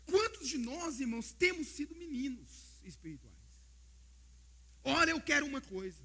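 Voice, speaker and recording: A Brazilian man preaching a sermon as pastor, telling stories in an animated way and often calling out to the brothers in the congregation. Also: very high-pitched, normal speed, gravelly. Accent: Brazilian Portuguese. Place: church service.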